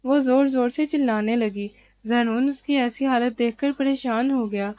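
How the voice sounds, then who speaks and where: Woman reading a novel out loud, slightly high, dry close sound. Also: no room sound. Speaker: audiobook narrator. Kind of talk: novel narration.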